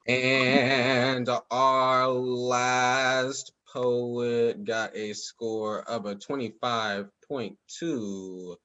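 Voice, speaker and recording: A man's voice: medium pitch, steady tone, extremely slow, few pauses, sharp tone, smooth. A man hosting a poetry slam in a casual, playful way, heard over a group video call. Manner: casual, laid-back, playful. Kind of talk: hyping up an online slam. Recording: muffled video call audio.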